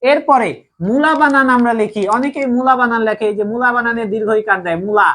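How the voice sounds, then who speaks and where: A woman's voice: a little high, fast, fairly bright tone. Woman teacher drilling call-and-answer. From Bangladesh. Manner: drills students with repeated call-and-answer questions. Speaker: online Bangla grammar teacher. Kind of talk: live online class lesson.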